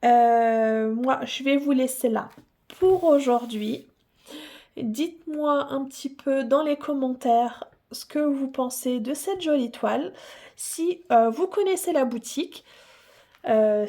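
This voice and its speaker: A woman's voice: sits high, a little mellow. A woman hosting a casual unboxing vlog who gushes and repeats herself, with many hesitant fillers. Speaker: hobby channel host.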